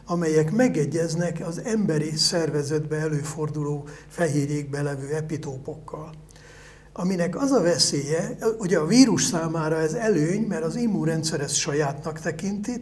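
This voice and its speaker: Older male scientist guest, slightly raised pitch, calm explanatory delivery with thinking pauses. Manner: measured, explanatory, pauses to search for words. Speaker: virologist guest. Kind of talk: explanatory interview answers.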